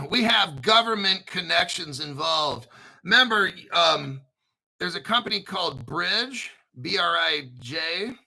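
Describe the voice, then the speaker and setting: A man hosting an informal crypto commentary, talking through articles in an excitable, sarcastic way, swearing and often clearing his throat. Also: high-pitched, takes it slowly, low-quality recording. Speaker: crypto video host.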